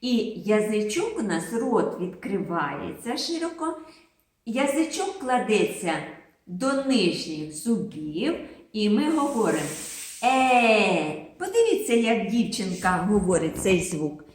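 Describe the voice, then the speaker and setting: A woman teaching a phonics lesson to small children, drawing out the sounds in a slow singsong way. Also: medium pitch, very animated, darkish tone. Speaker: kindergarten teacher. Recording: very echoey room.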